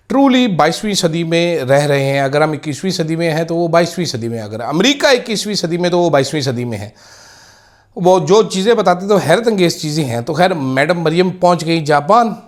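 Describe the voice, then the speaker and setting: Man, fairly high voice, sarcastic political vlog host. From Pakistan. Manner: sarcastic, mocking. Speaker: political commentator. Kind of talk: casual political commentary vlog.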